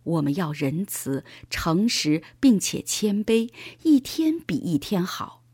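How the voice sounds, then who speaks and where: A woman voicing a gentle, patient father explaining things to his son in a children's story. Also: fairly low pitch, big pitch swings, takes it slowly, husky, no echo, clean studio sound, exaggerated voice.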